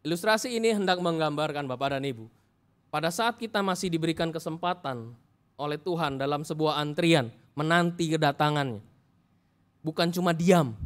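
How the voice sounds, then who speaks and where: A high-voiced man preaches a Sunday sermon in a church. He moves between earnest exhortation and playful jokes to the congregation. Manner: humorous, animated preaching. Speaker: pastor.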